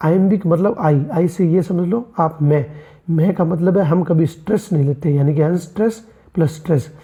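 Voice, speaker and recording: A teacher works through poetry terms for an exam, posing rhetorical questions and answering them right away. The voice is very dark and mellow. English terms are woven into the explanations, and the students are addressed as friends. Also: medium pitch. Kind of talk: exam-prep lecture.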